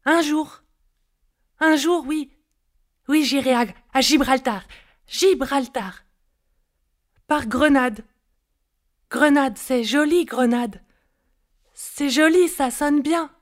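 A stubborn, dreamy country girl played by a woman storyteller sings out her refrain of far-off roads. Her voice sits fairly high and carries a singsong lilt. A storybook figure, headstrong and wistful. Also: slow, pauses often.

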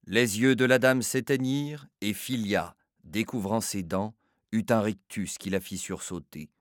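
A man narrating a story in a scripted, expressive and theatrical reading. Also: fairly low pitch, measured pace, no room sound, clean studio sound.

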